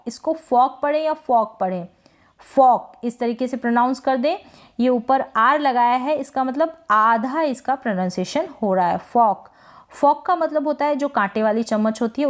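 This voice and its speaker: A woman teaching a slow spoken lesson, drawing each word out and asking and answering her own questions. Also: fairly high pitch. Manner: drawn-out demonstrations of each word. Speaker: English teacher.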